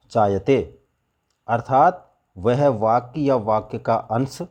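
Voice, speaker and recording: Slow, deliberate man teaching a class. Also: medium pitch, mellow. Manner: reads each Sanskrit phrase, then explains it slowly; addresses students as children, repeats "ठीक है". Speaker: school teacher. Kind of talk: classroom lesson explaining Sanskrit verses in Hindi.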